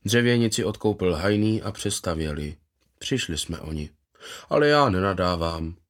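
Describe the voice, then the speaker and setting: A man voicing a gentle, contented former footballer in his fifties, who talks eagerly and proudly about his past. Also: low voice, animated. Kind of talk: voiced character in a read story.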